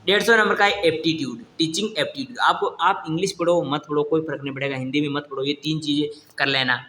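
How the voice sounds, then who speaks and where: Young male coaching teacher, encouraging and checking in often, slightly high voice, roomy recording with faint hum. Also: quick pace, sharp tone. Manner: repeats "ठीक है ना?" to check understanding, encouraging. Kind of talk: casual coaching lecture.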